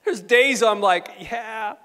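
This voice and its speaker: A man, a pastor, giving an animated, playful, conversational sermon with asides to the congregation. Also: sits high, a little slow. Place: church sanctuary. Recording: long hall reverb in a church.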